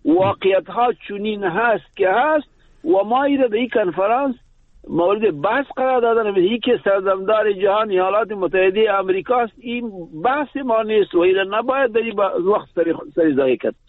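A man's voice: high-pitched, dry recording. Man with an Afghan Dari accent on a tinny phone line. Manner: halting, many hesitations. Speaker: guest analyst. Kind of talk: radio interview answer. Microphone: phone call.

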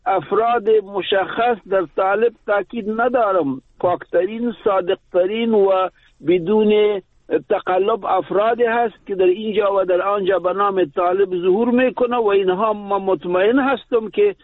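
A man with an Afghan Dari accent, a guest in a radio interview, answering in a halting way with many hesitations over a phone call. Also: sits high, fairly even intonation, no echo. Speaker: guest analyst. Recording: tinny phone line.

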